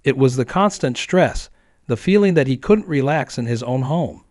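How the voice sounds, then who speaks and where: A man reading a scripted neighborhood story in a steady, even storytelling manner. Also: medium pitch, moderate pace, no echo, studio quality. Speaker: narrator.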